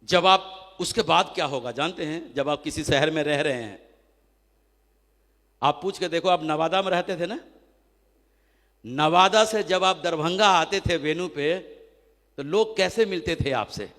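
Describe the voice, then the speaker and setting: A man's voice: a little high, a little slow, long pauses. A man giving a motivational seminar talk as a trainer, firing off rhetorical questions and answering them himself. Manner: animated, acts out quoted people. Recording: long hall reverb.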